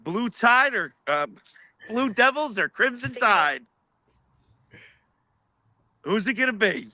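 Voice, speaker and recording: A man's voice: very high-pitched, big pitch swings, slow pace, pushed and bright. A man hosting a live paranormal session, repeatedly asking spirits questions and reporting faint sounds he hears.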